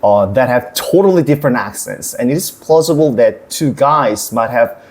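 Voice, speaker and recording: A man's voice: mid-range voice, animated, normal speed, darkish tone. A middle-aged man from Korea with a Korean accent, hosting a casual chat and asking lots of curious questions. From South Korea. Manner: curious, asks lots of questions, laughs often. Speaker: host. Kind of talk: casual conversational interview.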